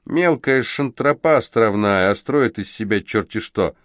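A man voicing a tough, nimble male dwarf who answers curtly and gruffly. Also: lowish voice, lively intonation, measured pace, dry recording, clean studio sound. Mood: scornful. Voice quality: curt, gruff, speaks through teeth.

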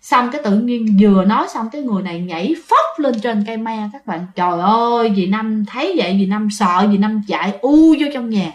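A woman's voice: a little high, animated, brisk, few pauses, darkish tone, muffled recording. Chatty Southern Vietnamese woman telling ghost stories. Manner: chatty, addresses listeners often, repeats phrases. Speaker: storyteller. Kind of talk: spoken ghost story telling.

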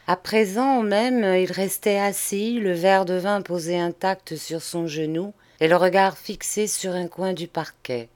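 Low-voiced woman reading a classic novel. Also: darkish tone. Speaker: audiobook reader. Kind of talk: literary audiobook narration.

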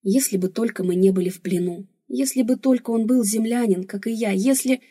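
A woman narrating a first-person audiobook at a calm, even pace. Her voice is very husky and breathy, with a dark, mellow tone. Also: a little high, a little fast.

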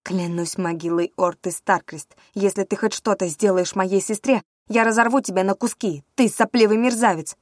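A woman's voice: lowish voice, moderate pace, hardly any pauses, no echo, clean studio sound, natural voice. A woman voicing a fierce, defiant young witch heroine with an urgent, fiery delivery.

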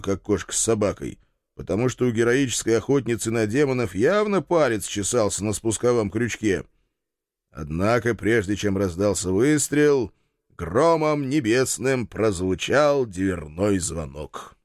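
A man reads a first-person story aloud with wry, dry humor. His pitch is lively, rising and falling freely. The voice is recorded close and dry. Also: normal speed, dry recording. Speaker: audiobook narrator. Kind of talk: first-person audiobook narration.

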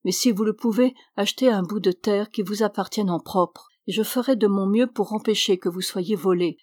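A woman's voice: medium pitch, normal speed, a little mellow, dry recording, natural voice. A stern, outspoken old priest raises his voice in severe, indignant bursts, as a woman reads him in an audiobook. The sound is close and dry, with no room around it. He talks in a plain, everyday register. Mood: kindly.

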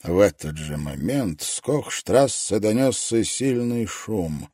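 A man reading an audiobook narration in a steady, measured way. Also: fairly low pitch, husky, no room sound, studio quality.

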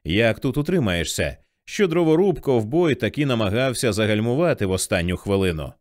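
A man narrating a novel as an audiobook in a vivid, expressive storytelling manner. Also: lowish voice, fairly quick, no echo, studio quality.

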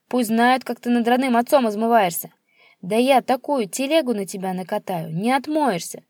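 A woman's voice: a little slow, dark tone, breathy edge, dry recording, clean studio sound. A woman voicing a spiteful old male pensioner who screeches and jeers at his son. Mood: shrieking. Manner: shrill, screeching, jeering.

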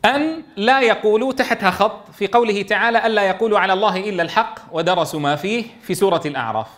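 A man's voice: sits high, racing, a bit bright. A man leading a classroom tajweed lesson for Quran teachers, explaining step by step and checking in with his students.

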